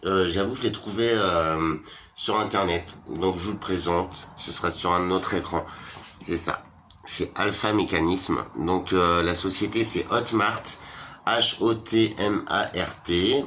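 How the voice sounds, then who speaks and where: Tired man vlogger with a low voice, informal and hesitant, lots of fillers. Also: measured pace, pushed and bright, a little hiss or hum. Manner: hesitant, many fillers, slangy and familiar. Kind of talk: casual chat to followers.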